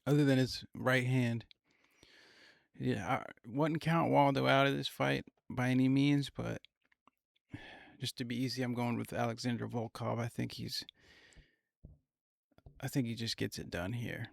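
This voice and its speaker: A man's voice: medium pitch, steady tone, a little slow, vocal fry, pauses often, no echo, studio quality. A young man hosting a casual fight podcast, rambling through his picks with plenty of swearing. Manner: rambling, profane, thinks aloud. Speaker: podcast host.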